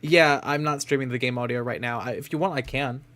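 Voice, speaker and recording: A man's voice: medium pitch, fairly even intonation, brisk, pushed and bright. A man chatting casually as he streams a game. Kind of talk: casual chat while playing a game. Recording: clear background noise.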